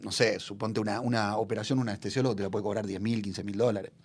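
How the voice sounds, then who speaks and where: A man co-hosting a casual podcast, reacting quickly and reading listener comments aloud. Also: on the low side, steady tone, husky. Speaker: podcast co-host. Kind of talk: casual chat.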